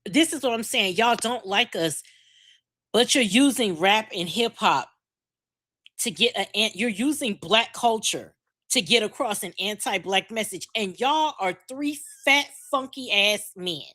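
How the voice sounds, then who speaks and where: Bright crude female co-host. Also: medium pitch, expressive, measured pace. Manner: crude, incredulous, laughing rants. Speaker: podcast co-host. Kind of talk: casual chat.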